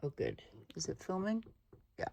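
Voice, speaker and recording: An older woman chatting casually to her viewers in a vlog. She is short of breath and talks in a halting way, with many ums and restarts. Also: on the low side, huge pitch swings, gravelly, warm tone. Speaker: planner vlogger.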